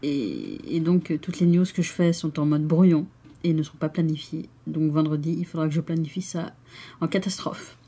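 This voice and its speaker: A young woman talks casually to her camera, laughing easily and growing excited over small things. Her voice sits a little low and sounds soft and mellow. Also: a little fast, breathy edge. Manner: chatty, giggly, gets excited unboxing. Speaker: vlogger. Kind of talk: casual vlog chat.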